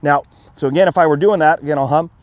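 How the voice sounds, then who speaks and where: A man coaching golf putting outdoors on a green, talking in a relaxed way, often checking in with "okay?" and repeating himself as he demonstrates. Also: a little high, fast, dry recording. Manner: relaxed, repeats "okay?" and "again", restarts words. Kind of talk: on-course instruction, demonstrating.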